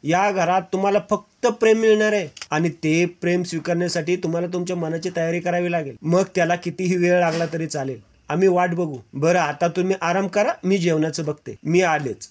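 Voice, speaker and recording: A man reading as a gentle reassuring young woman. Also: high voice, fairly even intonation, fairly quick, few pauses, natural voice. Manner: soft, pleading, reassuring. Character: gentle caring young woman soothing family.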